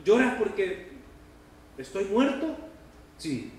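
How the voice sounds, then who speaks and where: Preacher acting as gentle consoling Jesus. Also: male voice, high-pitched, sing-song, slow, voice pushed up, full character voice. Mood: tender. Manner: tender, reassuring questions. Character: gentle consoling risen Jesus, adult man. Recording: very echoey hall, distant mic.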